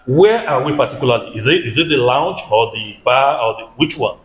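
A man with a West African English accent hosting an on-location travel interview. He keeps the talk lively and repeats his guests' answers back to them. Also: medium pitch, fairly quick, reverberant. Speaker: travel vlogger interviewing staff. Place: indoor restaurant and office.

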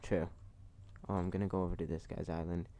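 A woman with an extremely low voice, chatting casually over a computer mic while she plays. Her talk is matter-of-fact and peppered with swearing. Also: little pitch movement, brisk, a crowd in the background. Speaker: co-player. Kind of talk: casual gameplay chat.

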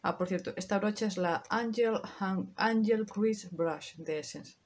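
At a measured pace and in a mid-range voice, a woman in her thirties from Spain chats casually with viewers during her makeup tutorial. She's a beauty vlogger with a Spain Spanish accent who swears now and then.

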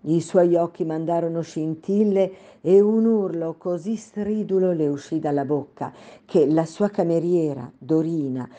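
A woman reading a fairy tale aloud in a calm, measured storytelling voice. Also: low voice.

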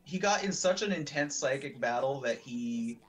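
A man's voice: medium pitch, lively intonation, normal speed, soft background music. A man giving casual, rambling commentary over a video game, full of fillers and the odd swear. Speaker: let's play commentator. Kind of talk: casual gameplay chat.

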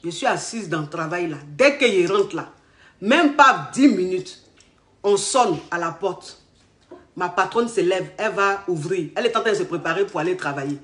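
A woman telling her life story in casual, animated speech, quoting the people she met. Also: lowish voice, normal speed. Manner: animated retelling with acted quotes. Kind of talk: personal storytelling. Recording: echoey room.

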